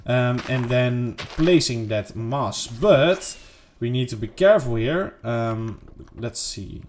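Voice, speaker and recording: Slow and expressive, his voice darkish, a gaming creator rambles through casual, unedited commentary on his play. He keeps second-guessing himself, using many fillers and "boom," and there's a little hiss or hum in the recording.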